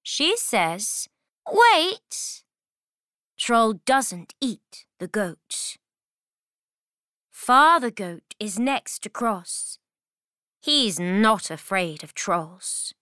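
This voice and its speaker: Slow, careful woman reading a story. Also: mid-range voice, lively intonation, sharp tone, dry recording, clean studio sound. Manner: careful, evenly paced reading.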